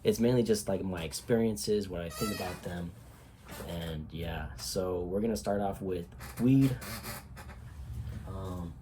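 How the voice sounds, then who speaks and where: A young man with a deep, low voice talks loosely to his camera, stuffed up and congested from a cold. He rambles, drops fillers and casual swears, and a faint hum of room ambience sits behind him. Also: measured pace. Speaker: vlogger.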